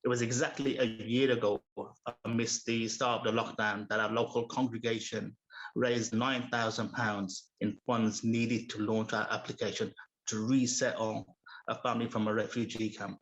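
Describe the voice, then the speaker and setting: A man speaking for his mosque community, giving a measured, read-out speech at a civic assembly. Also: lowish voice, level tone, dull audio. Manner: measured, read-out delivery with small restarts.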